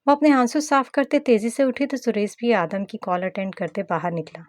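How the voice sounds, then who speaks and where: A woman's voice: a little high, steady tone, normal speed, no room sound, studio quality. A woman reading a romantic novel aloud, giving each character a voice in the dialogue. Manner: voices every character, rising and brighter in quoted dialogue. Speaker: narrator of an audio novel. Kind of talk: scripted novel narration with acted dialogue.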